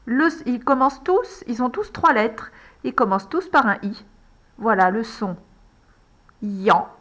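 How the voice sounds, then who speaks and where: Slow, sing-song teacher spelling letters. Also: female voice, fairly high pitch, animated, a bit bright. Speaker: primary school teacher. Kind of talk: handwriting lesson for young children.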